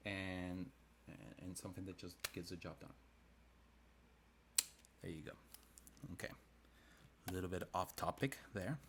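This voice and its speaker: A man's voice: lowish voice, a little hiss or hum. A man who hosts design videos, chatting casually and rambling a little while he draws a comic on a live stream. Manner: chatty and rambling, with frequent restarts. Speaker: illustrator and design video host.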